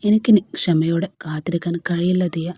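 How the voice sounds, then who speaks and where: A woman's voice: lowish voice, steady tone, a little fast, dark tone, slightly rough. A woman voicing a hurt young husband.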